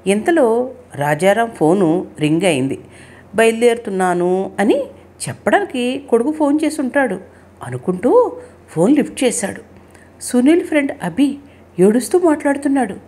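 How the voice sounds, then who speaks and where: Husky-voiced woman reading a story. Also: mid-range voice. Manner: expressive, emotional reading. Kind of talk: scripted story narration.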